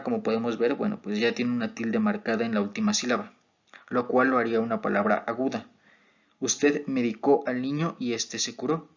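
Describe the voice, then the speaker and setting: A man, a student, explaining examples in a class presentation, slow and deliberate, with fillers. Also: mid-range voice, dull audio.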